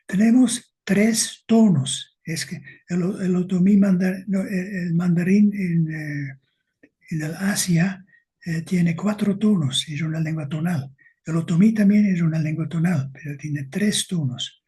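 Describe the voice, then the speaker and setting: A man gives an academic lecture with slides, speaking slowly and deliberately and checking in with his audience. His voice is high-pitched, slightly rough, and dark in tone.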